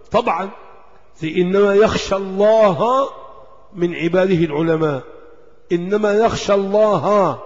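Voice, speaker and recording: A man with an Egyptian Arabic accent giving a religious lesson, posing rhetorical questions to his class and answering them himself. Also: high-pitched. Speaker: Islamic lecturer. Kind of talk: religious lesson explaining Quran script. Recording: dull reverberant lecture hall recording.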